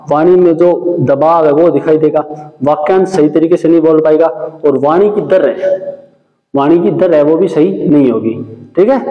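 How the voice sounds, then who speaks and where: Male teacher, higher voice, lecture delivery with lots of repetition; dull recording in an echoey hall. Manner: repeats and explains points, frequent "ठीक है" check-ins. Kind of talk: classroom lecture.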